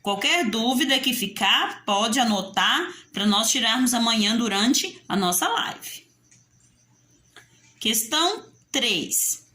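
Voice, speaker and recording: A Brazilian Portuguese-accented woman teaches young children in a recorded video lesson, speaking slowly and carefully. Her fairly high, bright voice swings up and down in a sing-song way as she poses the pupils' questions and answers them herself. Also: animated.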